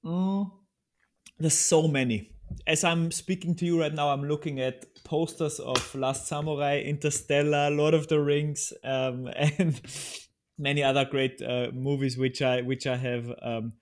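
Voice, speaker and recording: A man's voice: fairly high pitch, steady tone, measured pace. Hesitant Austrian-born man, guest on a podcast. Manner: hesitant, many restarts and fillers. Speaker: podcast guest, video trailer producer. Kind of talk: casual interview chat.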